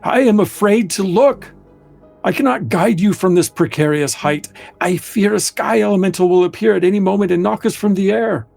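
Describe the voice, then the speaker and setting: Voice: mid-range voice, normal speed, vocal fry, darkish tone, soft background music, voice pushed up. A man voicing a timid, wary male underworld guide creature in a tabletop game, with anxious, formal old-fashioned speech. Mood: fearful.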